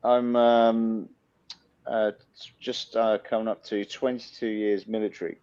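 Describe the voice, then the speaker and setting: A man's voice: fairly low pitch, unhurried, clear, resonant tone, no echo, muffled recording. A man in his late thirties, a guest on a panel chat, answering plainly and hesitantly. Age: 30s. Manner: plain, hesitant, flat delivery. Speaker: guest, company CEO.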